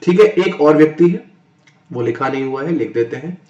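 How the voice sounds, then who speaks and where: A man from northern India teaching a fast-paced tax lecture, mixing English terms into his Hindi and answering his own rhetorical questions. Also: a little high, expressive, a little mellow, dull audio. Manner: asks rhetorical questions and answers them himself. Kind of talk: exam-prep classroom lecture. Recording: roomy echo.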